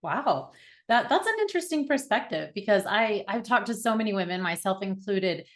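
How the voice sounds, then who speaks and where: A woman's voice: mid-range voice, animated, moderate pace. Chatty enthusiastic woman podcast host. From Oklahoma. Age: 40s. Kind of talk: casual podcast interview.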